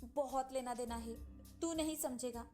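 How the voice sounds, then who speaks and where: A bossy old mother-in-law in a cartoon tale, put on by a woman narrator. She scolds sharply in a high voice over soft music. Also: moderate pace, natural voice. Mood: scornful.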